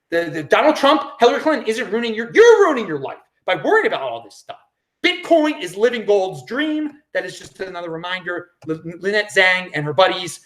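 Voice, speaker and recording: A man hosting his own show, delivering an emphatic solo opinion monologue, repeating phrases for emphasis. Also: high voice. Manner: emphatic, repetitive, animated. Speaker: show host.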